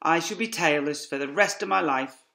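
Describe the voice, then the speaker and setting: In a storybook reading, a reader voices Mister Fox, a brave, quick-thinking male fox who leads his family, with urgent, commanding shouts. The mid-range voice is pushed up and carries vocal fry, and the mood is glum.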